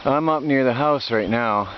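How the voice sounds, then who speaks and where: A vlogger rambles casually outdoors in the countryside beside a creek, his mid-range voice a little slow. The dull, lo-fi audio is dominated by loud nature noise, with running creek water and insects in the background.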